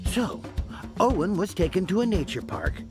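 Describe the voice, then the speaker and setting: Puppet-show lion cub, eager and lively, voiced by a woman; swinging pitch over loud music. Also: normal speed, lightly acted. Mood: storytelling. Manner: animated, enthusiastic. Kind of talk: puppet TV show dialogue and storytelling. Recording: loud music bed behind voice.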